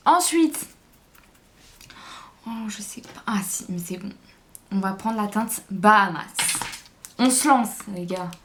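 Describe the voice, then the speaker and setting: A woman's voice: medium pitch, expressive, slow, long pauses, fairly bright tone. A woman vlogger chatting casually through a makeup tutorial, hesitant and thinking aloud as she goes. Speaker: beauty vlogger.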